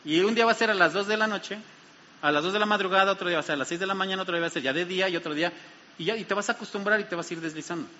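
Bright-voiced pastor preaching. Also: male voice, high voice, racing. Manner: lively, asks the crowd questions. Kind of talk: sermon. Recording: dull sound in an echoey hall.

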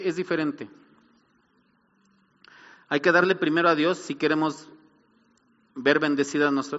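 A man's voice: on the high side, a bit bright, long reverb tail, muffled recording. A middle-aged man, preaching a sermon as pastor, building emphasis and asking rhetorical questions.

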